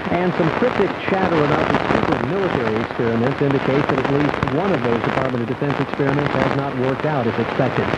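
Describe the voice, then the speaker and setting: A man delivering a scripted live radio news report as a correspondent. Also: mid-range voice. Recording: very noisy archival radio news recording.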